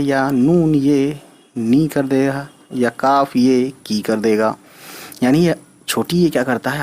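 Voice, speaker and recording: An Urdu teacher patiently guides a reading lesson at an unhurried, deliberate pace, his ordinary middle-pitched voice carrying a darkish tone. He spells each word out slowly, letter by letter, and often asks "right?" to check it makes sense.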